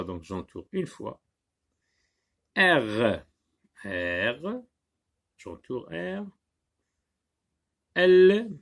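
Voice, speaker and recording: Slow gravelly male teacher spelling letters. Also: mid-range voice. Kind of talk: slow spelling lesson for children.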